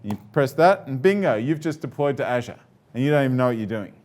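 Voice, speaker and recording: A man's voice: medium pitch, animated, fast, darkish tone. Male presenter at a live tech talk, casual and jokey, mid-range voice, loose with fillers. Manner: chatty, joking, with many fillers and restarts.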